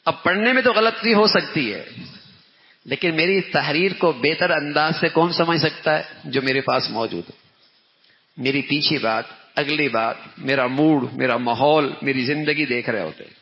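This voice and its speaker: A man delivers a Ramadan sermon, stressing his points by repeating them and swinging his voice up and down. His voice sits fairly high. The recording is dull and lo-fi, and a long reverb trails each phrase through a mosque hall. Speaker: religious teacher.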